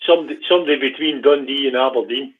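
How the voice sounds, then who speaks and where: A man's voice: medium pitch, very fast. Scottish man on a tinny call line. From Glasgow, Scotland. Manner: easygoing, hesitant with fillers. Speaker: guest biker. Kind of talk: casual chat over a call.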